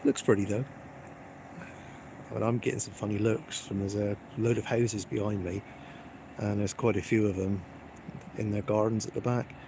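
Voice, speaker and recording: A man's voice: on the low side, steady tone, moderate pace, pauses often, background noise. A man, live-streaming from his phone outdoors by the water, chatting casually with his viewers in a cheeky, joking, self-mocking way. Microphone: phone held in hand.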